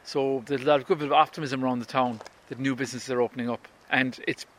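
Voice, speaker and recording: A man's voice: mid-range voice, fairly even intonation, quick pace, a bit bright, a little hiss or hum. A radio presenter from County Kerry with a Kerry Irish accent, a man chatting in an interview. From County Kerry, Ireland.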